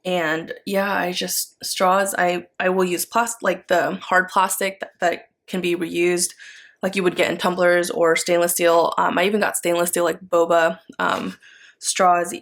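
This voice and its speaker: A woman's voice: on the low side, little pitch movement, unhurried. A woman with an American accent chatting casually as she works, rambling and thinking aloud as a craft vlogger. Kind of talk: casual chat while working.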